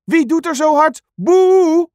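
A woman voicing a timid little bear cub who calls out in a high, pleading voice in a storybook reading. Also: lively intonation, slow, warm tone, no room sound. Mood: worried calling. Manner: high, pleading, repeats hello.

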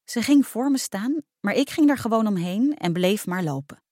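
A woman narrating a first-person storybook aloud in a lively, expressive reading. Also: mid-range voice, moderate pace, dry recording, studio quality.

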